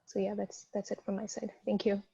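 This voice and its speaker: A woman scientist from India speaking on an online panel over a video call, halting with many "uh" fillers. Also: medium pitch, completely flat delivery, creaky, mellow, breathy edge, no echo, muffled recording.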